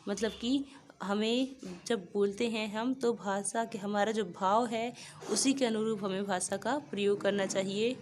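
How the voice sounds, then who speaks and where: A woman's voice: mid-range voice, steady tone, unhurried, noisy background. A woman explaining a school poem step by step, often restating each point in simpler words. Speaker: teacher.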